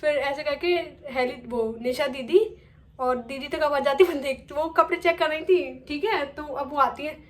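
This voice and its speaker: Her voice sits high and stays steady at a normal speed as this young woman vlogs from home for her family channel. Chatty throughout, she cooks in the kitchen before telling a story, sprinkling in "okay" again and again.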